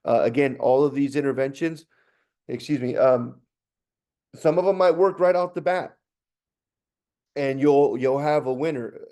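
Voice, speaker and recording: A man's voice: mid-range voice, a little slow, long pauses, warm tone. Chatty male trainer, full of restarts. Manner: conversational, with frequent fillers and restarts. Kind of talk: instructional talk to staff.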